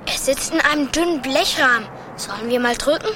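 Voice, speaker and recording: An actress playing a cheeky, watchful young sibling on lookout in a children's audio drama, alert in manner. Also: female voice, sits high, fairly quick, natural voice. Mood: excited, cheeky. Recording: clearly noisy ambience.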